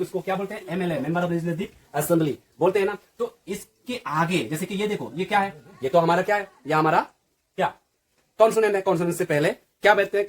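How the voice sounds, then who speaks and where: A man with a slightly raised pitch and a husky edge gives a grammar lesson. He teaches step by step, asking the viewer a question and then answering it himself. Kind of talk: classroom-style lesson.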